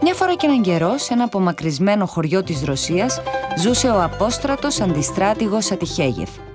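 Brief: woman narrator for a children's radio tale, animated, music under. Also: medium pitch. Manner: lively storytelling.

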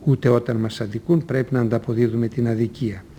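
A man teaching a language lesson, reading example sentences in a measured, deliberate way with careful pauses. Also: medium pitch, little pitch movement, warm tone, a little hiss or hum.

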